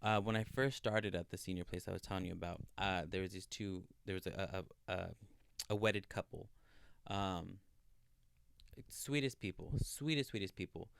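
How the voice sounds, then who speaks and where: A man in his thirties chats casually on a podcast in a low, smooth voice. He tells stories earnestly, with plenty of fillers. The sound is close and dry. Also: moderate pace, no room sound. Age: 30s. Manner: chatty, earnest storyteller with many fillers. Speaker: podcast co-host. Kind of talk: casual chat.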